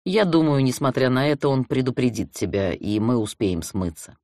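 Narrator reading dry laconic man, sardonic, middling pitch, dry studio sound. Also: moderate pace, a little mellow, no room sound, natural voice.

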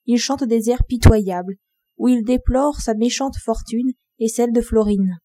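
A woman narrates a classic fairy tale for an audiobook in an even, measured way. Her voice is fairly high yet mellow and soft-edged, recorded very dry and close with no room sound. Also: no room sound. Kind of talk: scripted storybook narration.

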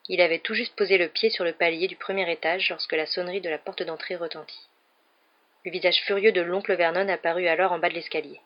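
Woman, storybook narration, low pitch, dull recording. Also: steady tone, quick pace. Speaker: audiobook reader.

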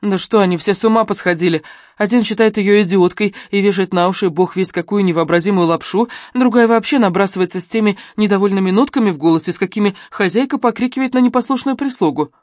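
A woman narrating a detective novel audiobook in an even, measured way, close to the mic. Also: medium pitch, dry recording.

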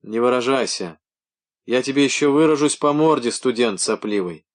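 A belligerent, crude young husband from the village yells threats and grumbles, as an audiobook reader puts him on. He barks raised, rough lines in a storybook reading. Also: medium pitch, animated, normal speed, lightly acted. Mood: shouting.

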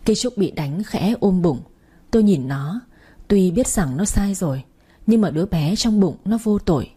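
A woman's voice: lowish voice, lively intonation, moderate pace, dark tone, husky. A woman narrating a first-person dramatic story with emotional delivery.

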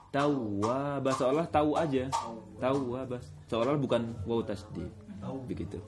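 A man teaching Quran recitation rules in a casual classroom way, often slowing down to demonstrate sounds in a drawn-out voice. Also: medium pitch. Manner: relaxed, repeats filler words often.

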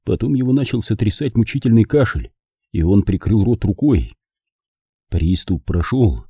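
A man narrating an audiobook in a measured, dramatic reading. His tone is mellow and husky, moving expressively in pitch. The sound is dry and close. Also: big pitch swings, no room sound. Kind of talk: scripted narration.

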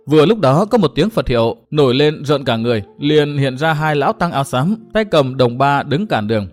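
A man's voice: mid-range voice, expressive, brisk, faint music behind. Male narrator reading a martial-arts novel. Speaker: story narrator.

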